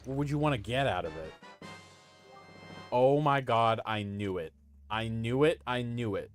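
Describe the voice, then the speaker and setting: A man's voice: lowish voice, expressive, fairly quick, soft background music. Chatty, joking male game streamer. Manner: joking, self-mocking, chatty. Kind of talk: casual live game stream commentary, replying to chat. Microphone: home streaming mic.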